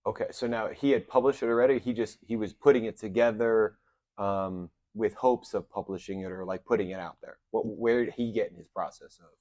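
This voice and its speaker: A male podcast host with a low-pitched voice introduces his guest with hype and then keeps things moving with brief questions. The recording is close and dry, with no room sound. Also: a little fast, a little mellow, dry recording, lo-fi sound. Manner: hype-man introductions, short questions and backchannels. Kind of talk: interview hosting. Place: podcast studio.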